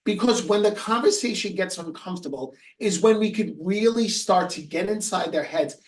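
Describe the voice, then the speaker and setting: High-voiced man coaching on a webinar. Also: moderate pace, roomy sound, distant mic. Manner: earnest storytelling, drops soft and quiet in emotional moments. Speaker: real estate coach. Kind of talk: webinar presentation.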